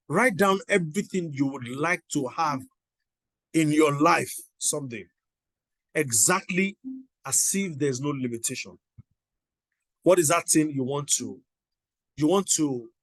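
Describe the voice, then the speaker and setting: A man's voice: fairly high pitch, no echo. A middle-aged man giving a motivational teaching talk, emphatic and repeating his exhortations. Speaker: motivational coach.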